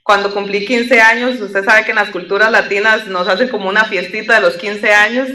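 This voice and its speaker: A young adult woman from Costa Rica with a Costa Rican accent, an airline pilot telling her story in a relaxed, reflective way with many fillers. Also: mid-range voice, brisk. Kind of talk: conversational storytelling interview. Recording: roomy echo, distant from the mic.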